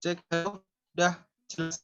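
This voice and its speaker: A man on a video call hesitantly answering a class question, his voice breaking up and dropping out with many pauses and restarts. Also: sits high, little pitch movement, pushed and bright, clean tone, no room sound. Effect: choppy, cutting-out video call audio. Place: home with frequent power outages. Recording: dull lo-fi call audio breaking up, faint guitar behind.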